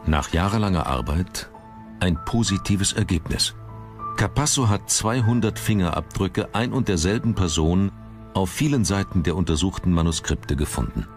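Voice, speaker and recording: A man with a low-sitting voice reads scripted documentary narration at a moderate pace, with background music under his voice.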